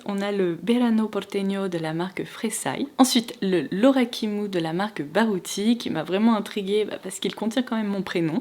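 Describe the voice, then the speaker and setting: A young woman beauty vlogger presenting gift ideas to camera in an enthusiastic, gushing way. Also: medium pitch.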